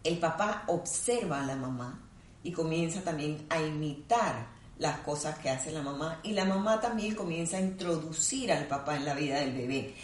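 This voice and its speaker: A woman clinical psychologist explaining things in a calm, measured, teacherly way. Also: low voice, a little hiss or hum. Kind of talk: explanatory conversation. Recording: roomy sound from a distant mic.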